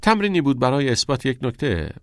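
A man's voice: mid-range voice, dry recording, clean studio sound, pitched above the performer's own voice, natural voice. A man voicing a passionate, unconventional male teacher who talks expressively and teases his students. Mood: earnest. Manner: expressive, teasing.

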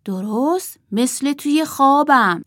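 A woman's voice: high voice, expressive, a bit bright, no room sound, studio quality, voice pushed up. A woman voicing a boastful male toy wolf doll who talks proudly.

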